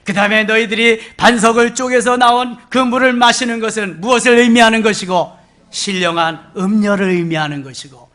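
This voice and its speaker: A man's voice: high voice, steady tone, a little fast, pushed and bright. An older man preaching a sermon as pastor in a church, emphatic and exclamatory, with sudden outbursts. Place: church sanctuary.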